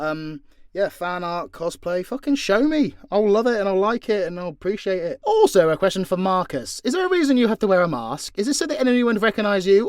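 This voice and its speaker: With a high, slightly mellow voice, a British voice actor and content creator casually takes fan questions, cracking jokes, being blunt and swearing heavily. The recording is dry with clean studio sound.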